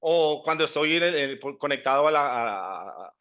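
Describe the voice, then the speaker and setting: A man's voice: fairly high pitch, expressive, normal speed, a bit bright, clean tone, lo-fi sound. A man giving a conversational Bible teaching, often checking in with listeners. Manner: conversational, often asks "¿cierto?". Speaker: preacher.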